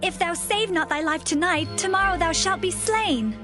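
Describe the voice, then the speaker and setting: Actress doing young bible wife, really high pleading voice, music behind her. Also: moderate pace. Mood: urgent warning. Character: urgent young wife in ancient Israel. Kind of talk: dramatized scripture acting.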